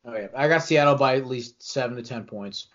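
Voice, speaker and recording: A young man co-hosting a sports podcast, giving rambling, animated opinions with frequent restarts. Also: medium pitch, fairly quick. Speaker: podcast co-host. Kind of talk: casual sports chat. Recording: dull lo-fi podcast audio.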